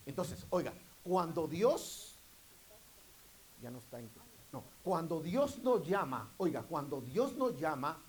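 A man preaching a sermon to his congregation, repeatedly calling out to them and rising into loud, emphatic bursts. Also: on the high side, sing-song, takes it slowly, a little hiss or hum, low-quality recording.

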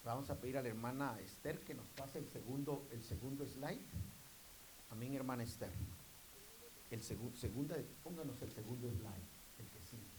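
A man preaching a sermon to his congregation, repeatedly calling out to them and rising into loud, emphatic bursts. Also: mid-range voice, normal speed, noisy background.

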